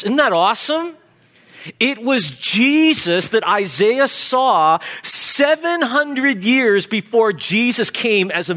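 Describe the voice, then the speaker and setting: A guest pastor preaching a sermon with emphatic, deliberate delivery. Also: male voice, high-pitched, fairly bright tone.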